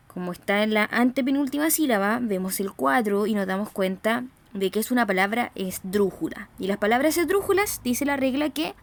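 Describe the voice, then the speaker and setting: A woman teacher with a Chilean accent giving a recorded grammar lesson, slowly stressing syllables and often checking in with her students. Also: fairly high pitch, gravelly. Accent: Chilean Spanish. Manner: slow, emphatic stressing of syllables, frequent "¿cierto?" checks.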